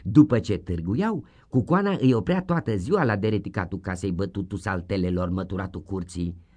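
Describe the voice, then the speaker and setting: A man reading a story aloud in the first person, as a radio-theatre narrator with expressive storytelling. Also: low-pitched.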